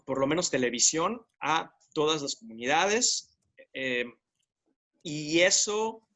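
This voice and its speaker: A man's voice: mid-range voice, pushed and bright. A man with a Mexican accent co-hosting a casual discussion podcast, reflective and critical as he thinks aloud. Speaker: podcast co-host.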